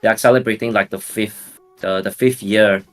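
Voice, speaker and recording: A man's voice: fairly low pitch, steady tone, normal speed, faint music behind. A man from Singapore, calling in as a guest and talking thoughtfully in casual chat. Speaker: guest caller.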